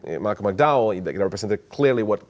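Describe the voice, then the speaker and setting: A man, a cinematographer guest chatting casually in an interview, animated and often restarting and repeating words. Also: on the low side, a little fast.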